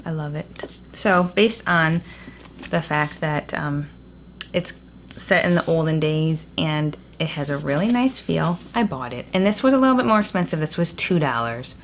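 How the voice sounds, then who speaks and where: Sitting low in pitch, this young woman's expressive voice keeps a moderate pace as she chats about a book haul for her vlog. Background noise comes through clearly in her small, cave-like echoing room at home.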